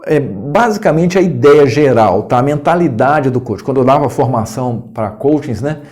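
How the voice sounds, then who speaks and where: Brazilian male coach, mid-pitched, chatty lesson to camera, acts out tones. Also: animated, moderate pace, darkish tone. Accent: Brazilian Portuguese. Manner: conversational, tag questions, acts out tones of voice with laughs. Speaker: coach and educator. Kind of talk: casual video lesson to camera. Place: indoors, room with scouting decor corner.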